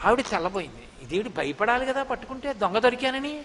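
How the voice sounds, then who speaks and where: A man giving an animated devotional discourse, telling a sacred story and chanting verses slowly. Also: extremely high pitch, long reverb tail.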